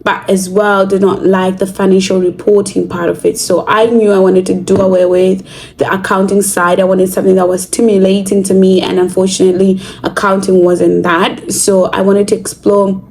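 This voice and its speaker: Mellow-voiced woman from Zimbabwe. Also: mid-range voice, little pitch movement, moderate pace, vocal fry, slight background noise, rough recording. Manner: earnest, reflective, with fillers. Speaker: vlogger. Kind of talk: casual explanatory vlog.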